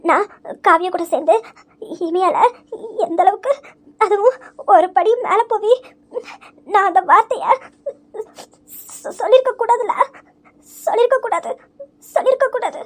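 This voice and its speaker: A woman's voice: very high-pitched, normal speed, pauses often. A woman voicing a remorseful young woman in an audio story, crying and stammering as she blames herself. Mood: broken. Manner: sobbing, stammering apologies. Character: remorseful young woman, tearful and self-blaming.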